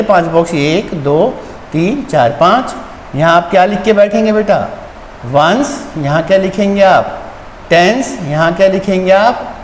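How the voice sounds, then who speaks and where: A man teaching a math lesson to young children. He speaks, repeats each term patiently, and asks questions that he answers himself. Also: sits high. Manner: patient, asks and answers his own questions, repeats terms, calls students "beta". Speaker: school teacher. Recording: echoey room with long reverb, faint background noise.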